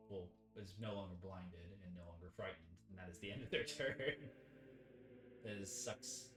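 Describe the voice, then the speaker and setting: A man acting as game master, narrating combat in a casual way that often breaks into laughter. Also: sits low. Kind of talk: running a tabletop game session.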